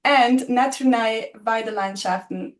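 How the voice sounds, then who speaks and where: A woman hosting an online webinar on a video call introduces the speakers in a friendly, slightly halting way and laughs at her own slips. Her voice is on the high side, and German is not her first language.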